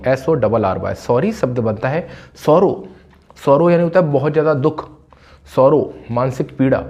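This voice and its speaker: A man teaching spoken English in a casual, chatty way, slowing down and repeating words for emphasis. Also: medium pitch, darkish tone. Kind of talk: casual classroom-style explanation. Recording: slightly dull lo-fi audio.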